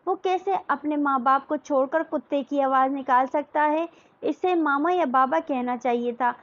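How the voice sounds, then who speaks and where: Woman reading a romance novel out loud, steady, high voice, muffled lo-fi sound. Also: no echo. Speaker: narrator.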